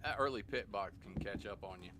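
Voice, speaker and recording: Acting as race engineer, a man chats bluntly and casually with his sim racing teammate. His voice is lowish and fairly quick, set against crowd noise and loud race car engines that make the recording very noisy.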